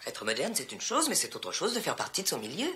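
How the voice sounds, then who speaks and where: An actress playing a worldly, haughty, sharp-tongued middle-aged mother in dubbed film dialogue. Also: deep voice, wildly swooping pitch, fast talker, full character voice. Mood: disapproving. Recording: film soundtrack with clear background noise.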